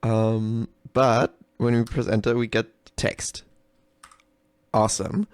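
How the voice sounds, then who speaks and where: In a level, medium-pitched voice, a man takes his time, with no echo on the recording. He's a game developer recording a reaction video, giving rambling, sweary, self-deprecating live commentary off the cuff, and he keeps giggling and breaking into laughter.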